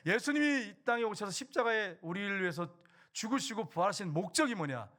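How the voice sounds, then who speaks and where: A middle-aged man preaching a sermon as pastor in a church, swinging from raised declarations to hushed low asides. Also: expressive, fairly quick. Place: church sanctuary.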